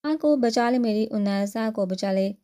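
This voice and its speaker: A remorseful young husband begs in tears for his wife's life, as a woman reader puts him on. The voice is mellow and soft-edged, and it is pitched a bit above the reader's own. This is an audio novel reading. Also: close to an everyday voice. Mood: desperate. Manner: pleading, tearful.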